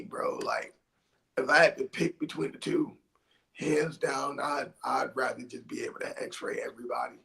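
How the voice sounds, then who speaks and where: A young man co-hosting a podcast, telling a story in a casual, animated way with slang and bursts of laughter. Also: a little high, gravelly, low-quality recording. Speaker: podcast co-host.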